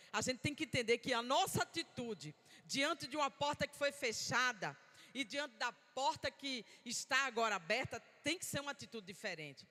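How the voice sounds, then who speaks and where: A woman's voice: a little high, sharp tone. Woman preaching in a reverberant church. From Bahia, Brazil. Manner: call-and-response, prompting the congregation to answer. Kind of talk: sermon. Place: church sanctuary. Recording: long church-hall reverb.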